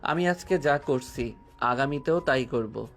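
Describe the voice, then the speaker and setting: A man's voice: mid-range voice, measured pace, fairly bright tone. A man voicing a cheeky, cocky young male college freshman who answers back defiantly in an audio drama. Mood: mocking. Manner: mocking, defiant. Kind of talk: Bengali audio love-story drama. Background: faint background music.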